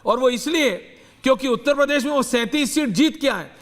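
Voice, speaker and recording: A man's voice: extremely high pitch, brisk, long reverb tail. A man anchoring a TV debate, emphatic and mixing English phrases into his speech. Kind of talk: TV debate hosting.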